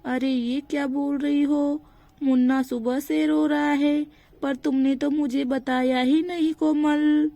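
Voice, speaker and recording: A woman voicing a calm, caring elder sister-in-law in a doll storybook, reassuring and lightly scolding. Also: sits high, takes it slowly, creaky, no room sound, pitched above the performer's own voice, full character voice.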